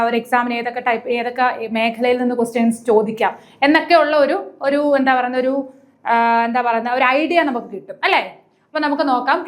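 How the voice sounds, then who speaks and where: A woman leads an exam-prep lesson. She keeps asking questions and then answering them herself. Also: high-pitched. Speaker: teacher.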